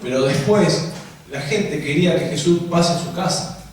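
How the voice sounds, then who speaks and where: A man's voice: on the high side, normal speed. A man with a Rioplatense Spanish accent, preaching a conversational sermon to church leaders and asking the room many rhetorical questions. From Argentina. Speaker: pastor. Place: church hall. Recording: very echoey hall from far off, faint noise.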